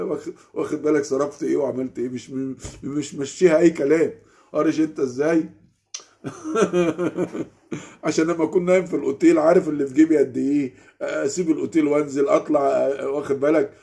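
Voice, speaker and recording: Fast-talking gravelly Egyptian man. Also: fairly high pitch. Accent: Egyptian Arabic. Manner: animated, keeps asking the listener "you get it?". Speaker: vlogger. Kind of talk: casual storytelling rant. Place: small room at home.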